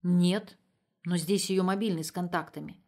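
A woman's voice: on the low side, steady tone, moderate pace, a little mellow, close to an everyday voice. A woman voicing a practical grown daughter who talks in a level, matter-of-fact way.

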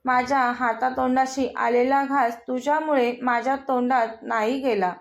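An arrogant young bully who mocks and threatens everyone around him, voiced by a woman narrating a story. The voice sits high, and the threats come out in a sneering, taunting way. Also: steady tone, moderate pace. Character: arrogant menacing young man, a bullying villain. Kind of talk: storybook reading.

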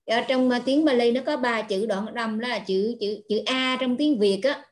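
Patient nun teaching. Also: female voice, on the high side. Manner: patient, slow explaining with frequent filler sounds. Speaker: Buddhist nun teaching Pali. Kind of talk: online pronunciation lesson.

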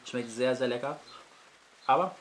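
A man's voice: medium pitch, measured pace, a little hiss or hum. Man talking with his mouth partly full. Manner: relaxed, plain-spoken, repeats words for emphasis. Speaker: co-host of a food tasting video. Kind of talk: casual tasting chat. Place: outdoors. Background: light rain starting.

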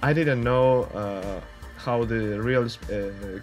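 With soft music in the background, a young man from Spain comments on gameplay in a medium-pitched voice and a slow pace. His Spanish-accented delivery is relaxed but hesitant, peppered with fillers and restarts, typical of this gaming YouTuber.

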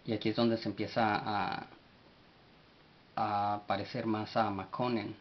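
A man giving a vocabulary lesson, spelling words out letter by letter and pausing often with fillers. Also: on the low side, little pitch movement. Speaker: language teacher. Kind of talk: slow spoken vocabulary lesson. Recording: dull lo-fi recording with faint hiss.

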